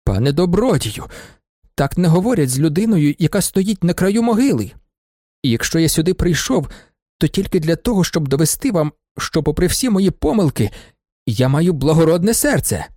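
A man doing a shrill melodramatic swindler. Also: sing-song, normal speed, darkish tone, dry recording, studio quality. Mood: agitated. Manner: agitated, high-pitched, melodramatic. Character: overwrought male swindler, middle-aged, theatrical, pleading.

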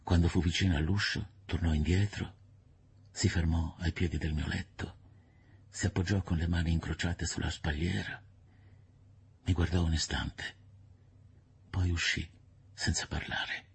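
A man narrating a classic novel in the first person, measured and somber, with a husky, gravelly voice. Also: low-pitched, fairly even intonation. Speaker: audiobook narrator. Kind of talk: literary audiobook narration.

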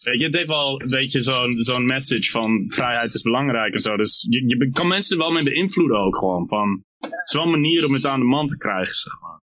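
A man's voice: medium pitch, expressive, a little fast, bright, forceful tone, lo-fi sound, a little hiss or hum. A man being interviewed as a rapper guest, chatting casually and loosely with lots of fillers. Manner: easygoing, loose, with frequent fillers.

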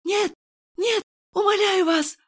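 A woman reading an audiobook and voicing a hoarse, frightened young female nurse in a raised voice. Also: sits high, moderate pace, bright, forceful tone, voice pushed up. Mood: pleading, terrified.

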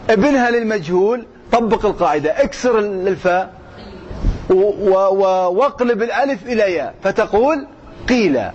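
A man teaching grammar, reading a text slowly and then explaining it while quizzing his listeners. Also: high-pitched. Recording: dull lo-fi sound with faint noise.

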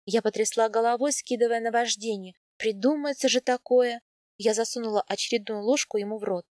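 A woman reading a first-person novel aloud in an even, intimate storytelling manner. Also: on the high side, fairly quick, no room sound, studio quality. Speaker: audiobook narrator. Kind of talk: first-person scripted narration.

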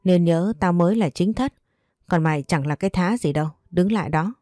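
A woman's voice: on the low side, brisk, warm tone, no room sound, studio quality, lightly acted. A woman voicing a spiteful young wife who speaks rudely and with contempt, in a storybook reading. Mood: scornful. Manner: rude, insulting, contemptuous.

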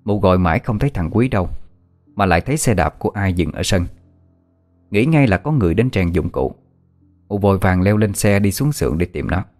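Low-voiced man reading a horror story. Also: lively intonation, fairly quick, darkish tone, faint music behind. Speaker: narrator.

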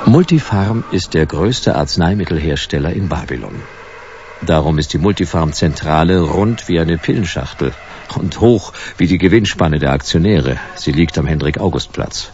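In a slightly dull-sounding radio drama, a hard-boiled private detective speaks laconically and sardonically, a wry, dry, deadpan noir type who won't let go. His voice is extremely low and moderately paced, with a little hiss or hum on the recording.

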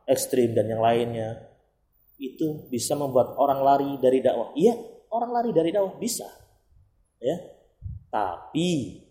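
A man's voice: medium pitch, warm tone, reverberant. A man giving an emphatic religious study lecture, sprinkling Arabic phrases and acting out everyday dialogue. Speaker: Islamic preacher.

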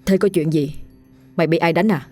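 A woman's voice: fairly low pitch, brisk, dark tone, faint music behind, natural voice. A woman voicing a burly, blunt village man who barks and scolds, in an audio ghost story. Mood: gruff. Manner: barking, scolding.

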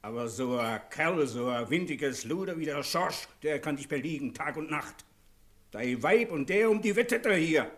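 A reproachful horse dealer. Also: male voice, on the high side, animated, normal speed, a bit bright. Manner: reproachful, insistent. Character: blunt male horse dealer, accusing and stubborn. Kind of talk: 1960s radio play acting.

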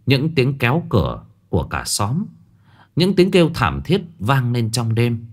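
A man's voice: mid-range voice, wildly swooping pitch, measured pace, slightly rough. A man narrating a first-person horror story in a dramatic, tense way. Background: faint music.

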